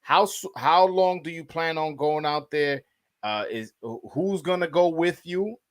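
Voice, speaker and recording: A man interviewing casually about sport, haltingly, often repeating words as he forms his questions. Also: fairly high pitch.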